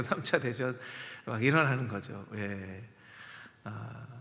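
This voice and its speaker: A man's voice: fairly high pitch, pushed and bright. A male pastor preaching a Sunday sermon, acting out dialogue and quizzing his congregation. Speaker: senior pastor. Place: church sanctuary. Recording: echoey church hall.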